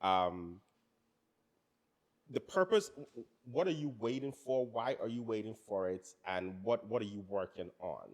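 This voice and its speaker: Reflective African-accented man, lowish voice. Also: lively intonation, a little slow, a little mellow. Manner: reflective, repeats words when starting a thought. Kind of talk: casual roundtable chat.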